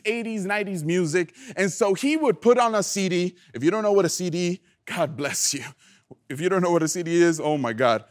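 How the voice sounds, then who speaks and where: A young man preaching a youth sermon, lively and playful, calling on the audience to answer back. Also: high-pitched. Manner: animated, playful, calls for audience response. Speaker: youth pastor.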